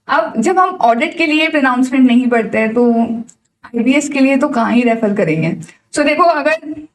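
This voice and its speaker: A woman's voice: on the high side, far from the mic, poor audio. A young woman with an Indian English accent, a coach giving an exam-prep lesson and mixing Hindi and English directly and encouragingly.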